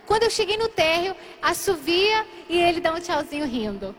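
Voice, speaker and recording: High-voiced Brazilian woman telling a story. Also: normal speed. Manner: animated, acts out dialogue in shifting voices. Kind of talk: storytelling testimony.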